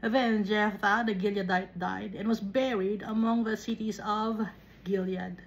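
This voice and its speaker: Teaching a Bible lesson in Taglish, a woman explains at an unhurried pace and keeps checking that her listeners understand. Her voice is medium-pitched with fairly even intonation, and the recording sounds lo-fi.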